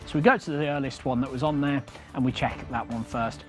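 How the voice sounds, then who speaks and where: A man's voice: mid-range voice, steady tone, brisk, soft background music. A man hosting a live game as a bingo caller, announcing numbers in repeated traditional patter.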